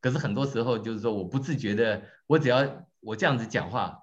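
A man teaching a church class, talking in a lively way, quizzing his audience and joking about himself. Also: medium pitch, quick pace. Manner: lively, questions the audience, tells jokes on himself. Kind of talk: interactive teaching talk. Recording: dull lo-fi recording.

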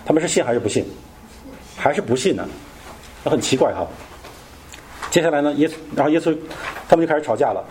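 A man's voice: a little high, lively intonation, fast talker, pauses often, a little mellow, slight background noise. A man teaching a Bible study in a casual, conversational way, often asking his listeners questions.

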